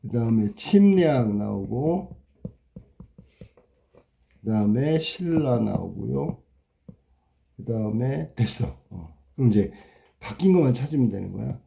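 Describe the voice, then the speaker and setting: A man with a very dark, mellow voice teaches in a relaxed, chatty way as he works through test questions. He stretches words out to show how they are pronounced and keeps checking with rhetorical questions. His pitch sits right in the middle. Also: gravelly. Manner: talkative, sounds words out slowly and repeats them, asks rhetorical questions. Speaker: Korean language teacher. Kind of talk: casual exam walkthrough lesson.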